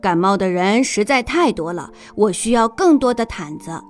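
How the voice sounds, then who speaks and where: A gentle doctor speaks in a calm, lowered voice, played by a woman reading aloud. Each line is soothing and patient. It suits a warm children's storybook. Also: moderate pace, faint music behind, close to an everyday voice. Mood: reassuring. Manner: gentle, reassuring. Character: kind, calm village doctor.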